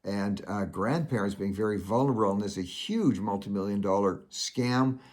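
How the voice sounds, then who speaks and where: A man's voice: fairly low pitch, moderate pace, darkish tone. An older man hosting a casual solo commentary show, folksy and rambling, with many filler sounds. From Canada.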